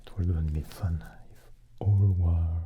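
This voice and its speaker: Mostly whispering without voice, an ASMR host chats slowly and hesitantly with his viewers, drifting near and far from a close microphone. He has a low voice with fairly even intonation, and the audio sounds phone-quality with background noise.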